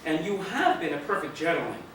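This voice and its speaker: A man's voice: fairly high pitch, wildly swooping pitch, fairly quick, fairly bright tone, a little hiss or hum. A man voicing a shy, proper young woman, lifting his voice to sound prim and indignant. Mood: flustered. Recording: echoey room from far off.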